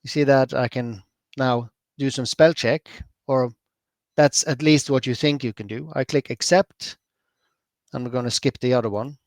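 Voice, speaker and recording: A Norwegian man with a Norwegian accent narrates a screen-share software demo for a user group, staying loose and chatty with lots of fillers and quick self-corrections. His voice is middle-pitched with fairly even intonation, recorded dry and close without room sound.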